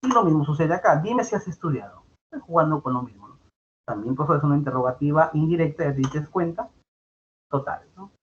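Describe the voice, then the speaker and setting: Fast-talking and animated, this man's voice runs a little high. He's teaching grammar online, patiently going over each point again and tagging questions onto his sentences. Faint noise sits behind a dull, lo-fi recording.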